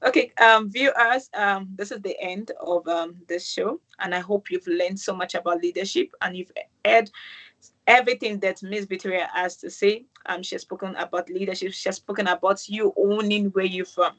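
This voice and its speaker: A woman from Manchester, England, hosts an interview show and wraps it up by effusively praising her guest, repeatedly calling things beautiful and saying "um" a lot. Her voice is mid-range and a bit bright, with fairly even intonation at a moderate pace.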